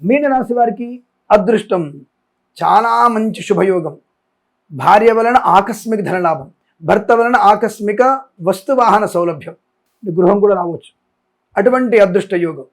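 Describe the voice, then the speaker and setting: A man hosting a daily horoscope show as an astrologer, rattling off long lists and making emphatic appeals. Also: high-pitched. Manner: rapid listing, emphatic appeals. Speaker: astrologer and channel host.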